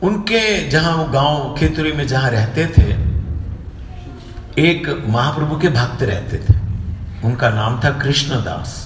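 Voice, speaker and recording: Preacher, man, Punjabi Hindi accent, slightly high bright voice, storytelling delivery, distant in an echoey hall. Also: animated, slow. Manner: storytelling, acts out quoted voices. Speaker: speaker giving a religious discourse. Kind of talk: devotional discourse. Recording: echoey hall, distant mic, faint hiss.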